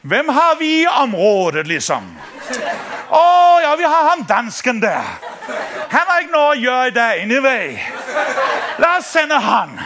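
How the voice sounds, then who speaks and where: A man's voice: extremely high pitch, huge pitch swings, a crowd in the background, exaggerated voice. A male preacher voicing God as a cheerful, eager old deity in a sermon story. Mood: jovial.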